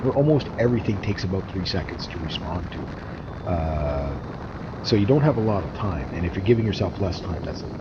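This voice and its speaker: A man giving casual, rambling advice to viewers in a hesitant way with repeated words, speaking into a microphone inside a motorcycle helmet. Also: low voice. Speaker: motorcycle vlogger. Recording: dull muffled helmet audio, loud engine noise.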